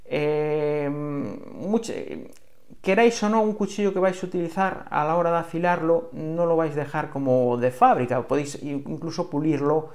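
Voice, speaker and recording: A bushcraft knife reviewer from Galicia, Spain, with a Spanish accent, explains things in a casual, hands-on review that is conversational and a little hesitant. His voice is a little high and a little mellow, at a normal speed.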